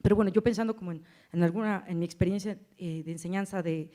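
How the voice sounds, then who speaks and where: At a lecture, a woman audience member who teaches languages and speaks Spanish as her first language asks a question. Her voice is lowish and mellow, and she talks quickly. She sounds hesitant, rambling and self-deprecating, with frequent tag questions.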